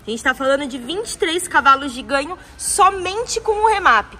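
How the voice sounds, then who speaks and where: A woman giving a steady, technical voice-over narration of test results. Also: sits high, moderate pace, a little hiss or hum. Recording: voice-over with clear background music.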